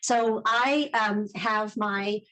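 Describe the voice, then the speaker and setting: A woman in her forties with a mid-pitched voice gives an informal academic presentation. She speaks as a researcher introducing a panel and her own background. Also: drawn-out words, pushed and bright.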